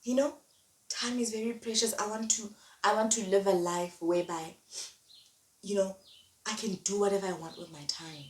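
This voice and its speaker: A woman's voice: mid-range voice, steady tone, normal speed, long pauses, recorded from a distance. A young woman speaks emphatically in a motivational monologue, leaning on repetition to drive her points home. She sounds set back from the mic in an echoey room, with a faint hiss of noise underneath. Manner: emphatic, repeats key phrases. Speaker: vlogger.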